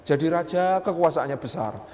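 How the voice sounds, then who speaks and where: High-voiced joking preacher in echoey mosque. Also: male voice, normal speed. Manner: lively storytelling, acts out quotes, jokes. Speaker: Islamic preacher. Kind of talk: humorous mosque lecture. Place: large mosque hall. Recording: reverberant hall, faint ambience.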